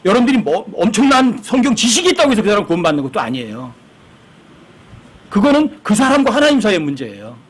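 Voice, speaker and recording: A man's voice: high voice, very animated, quick pace. A man preaching a sermon as pastor, talking conversationally with the congregation and acting out the people in his stories. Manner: acts out quoted voices, emphatic and conversational with the congregation.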